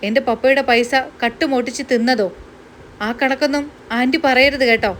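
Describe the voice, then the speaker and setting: An earnest young daughter, as a woman reads her, pleading steadily and firmly. The voice is fairly high, with a faint hiss in the background. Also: steady tone, fairly quick, a bit bright.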